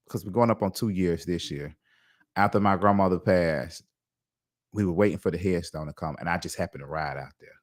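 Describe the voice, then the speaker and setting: A man with a lowish voice hosts a podcast and talks through a personal story in casual interview chat. He speaks reflectively, circling back with restarts and asides. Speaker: podcast host.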